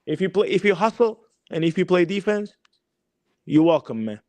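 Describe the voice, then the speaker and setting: A man's voice: sits high, big pitch swings, moderate pace, a little mellow, no room sound. A man co-hosting a podcast, rambling in casual chat, swearing and repeating himself. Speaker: podcast co-host.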